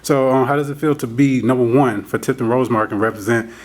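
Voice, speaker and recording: A man, a newspaper editor casually interviewing high school students. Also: fairly even intonation, fast. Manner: friendly, uses y'all, chuckles between questions.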